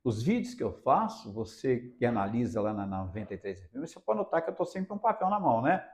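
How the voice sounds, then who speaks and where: A man's voice: mid-range voice, sing-song, quick pace, a little mellow. A man, a radio reporter from Minas Gerais, telling stories in an interview with emphatic, repeated phrases and a Minas Gerais accent. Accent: Brazilian Portuguese, Minas Gerais. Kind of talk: casual interview storytelling.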